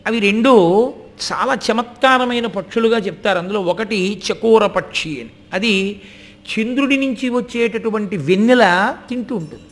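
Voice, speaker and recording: A middle-aged man giving a devotional storytelling discourse, animated and speaking straight to his listeners. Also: high voice, moderate pace. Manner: animated, addresses listeners directly, acts out voices and chants Sanskrit verses.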